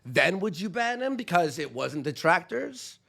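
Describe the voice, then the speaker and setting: A man's voice: high-pitched, sing-song, measured pace, gravelly, a bit bright. A man calling in to a stream, politely interjecting and working through a hypothetical with many fillers. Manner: hesitant, polite, filler-heavy. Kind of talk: heated call-in debate.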